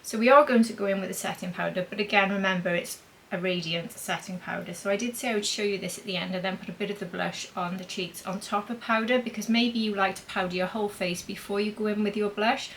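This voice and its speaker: A woman's voice: mid-range voice, fairly even intonation, fast talker, few pauses, a bit bright, a little hiss or hum, rough recording. A woman demonstrating makeup in a chatty vlog, thinking aloud as she applies blush and powder. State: talking with a mint in her mouth. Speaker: beauty vlogger.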